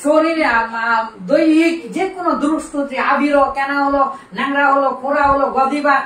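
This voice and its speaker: A woman's voice: high-pitched, fairly even intonation, a little fast, a bit bright. A woman teaching an Arabic grammar lesson, quizzing her students and repeating the key terms. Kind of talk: classroom lesson. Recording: echoey room, distant mic, faint noise.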